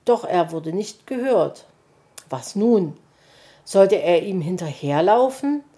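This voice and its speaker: A woman narrating a children's storybook in a gentle, unhurried way. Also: fairly low pitch, animated.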